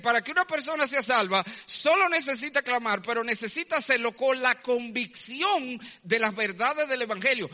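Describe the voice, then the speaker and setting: A man's voice: a little high, bright, forceful tone. A man preaching a sermon as a pastor, emphatic, acting out quoted voices and asking rhetorical questions. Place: church. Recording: long church hall reverb.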